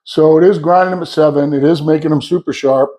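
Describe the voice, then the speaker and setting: A man's voice: fairly high pitch, fairly even intonation, fast, warm tone. A man giving a casual workshop demo of his sharpening setup, explaining step by step in a plain-spoken way. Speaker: sawmill owner showing his setup. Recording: echoey, mics off.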